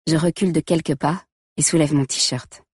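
A woman narrating a first-person story in a quiet, intimate way. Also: low voice, steady tone, normal speed, breathy edge, dry recording, clean studio sound.

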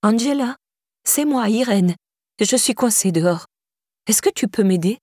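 A woman reading an audiobook voices a confused, frightened elderly woman who pleads and falters in a breathy voice. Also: fairly high pitch, animated, unhurried, darkish tone, no room sound, studio quality, voice pushed up. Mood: pleading.

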